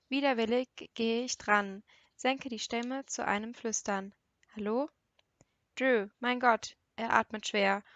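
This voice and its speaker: A woman narrating an audiobook in a calm, measured first-person storytelling voice. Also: fairly high pitch, no echo. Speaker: audiobook reader.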